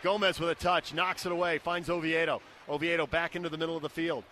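A man's voice: on the high side, flat delivery, fast talker, sharp tone. An American man doing live play-by-play soccer commentary in short, clipped descriptions of the action, over stadium noise. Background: outdoor stadium ambience.

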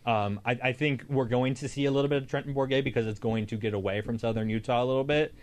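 A man's voice: medium pitch, steady tone, fast. A man with an American accent hosting a casual sports talk show. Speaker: sports podcast host.

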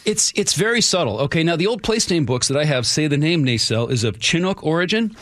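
Fast-talking man telling radio history. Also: on the high side, very animated, a bit bright. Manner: storytelling, chatty and enthusiastic. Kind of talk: radio feature segment.

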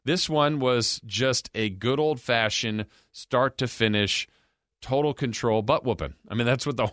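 A man's voice: mid-range voice, fairly bright tone, clean tone, no echo, clean studio sound. An American man hosting a sports podcast, giving a conversational, emphatic recap and analysis of football games. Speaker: sports podcast host and game broadcaster.

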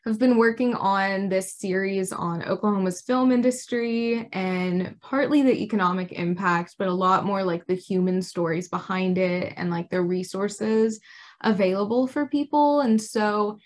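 A woman's voice: medium pitch, unhurried, a little mellow. A young American woman from Arkansas talking casually and chattily in an interview, often saying "like". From Arkansas, United States. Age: young adult. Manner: chatty, informal, frequent "like". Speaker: intern reporter being interviewed.

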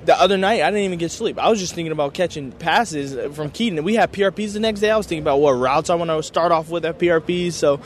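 Slight background noise sits under this young football player's fairly high, fast voice, which rarely pauses. Facing media day questions, he answers in an excited, appreciative, relaxed way, full of filler words.

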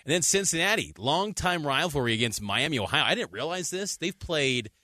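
A man's voice: fairly high pitch, animated, brisk, sharp tone, dry recording, clean studio sound. A man co-hosting a sports podcast, previewing games in an easygoing, jokey way. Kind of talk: casual sports talk.

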